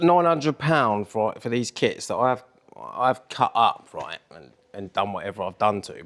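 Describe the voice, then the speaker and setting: A man with a fairly low voice talks through his own car build in a workshop. He rambles in a frank, casual vlog style and swears when things go wrong.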